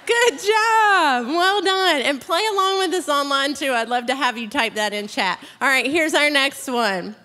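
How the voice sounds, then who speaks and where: Bright, high-voiced woman on stage. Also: lively intonation, normal speed, few pauses. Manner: upbeat, chatty, addresses crowd directly. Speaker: church announcer. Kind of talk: casual stage announcements. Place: large church auditorium. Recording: long reverb of big church hall.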